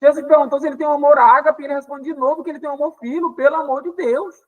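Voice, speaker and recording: Man with a Pará accent, high voice, teaching a Bible lesson with constant "tá?" check-ins and playful exasperation. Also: rapid-fire, muffled recording. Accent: Paraense Brazilian Portuguese. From Pará, Brazil. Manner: explanatory, with frequent "tá?" check-ins; lively, acting out dialogue with playful exasperation. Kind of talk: Bible lesson explaining Greek words.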